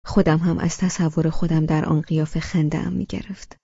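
A woman narrating a first-person audiobook, soft and intimate, often near a whisper, in a dull lo-fi recording. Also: low voice, flat delivery, vocal fry, slightly rough, no echo.

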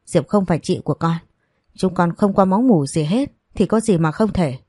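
A woman voicing a defiant young man who pleads and stands his ground against his mother in an audio story. Her voice is low and dark. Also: moderate pace, breathy edge, no echo, studio quality. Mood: defiant pleading. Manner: pleading, then gritting out words.

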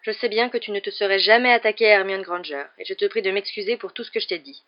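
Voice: medium pitch, steady tone, fast, natural voice. A reader doing a solemn earnest schoolboy. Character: earnest plump boy pupil, solemn and formal. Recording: dull lo-fi recording.

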